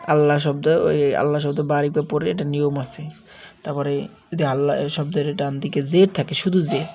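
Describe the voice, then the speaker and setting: A man teaching recitation, spelling each syllable out slowly and then explaining the rules in a brisk way. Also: fairly high pitch, flat delivery, mellow, dull audio. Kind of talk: spelling out Arabic letter by letter.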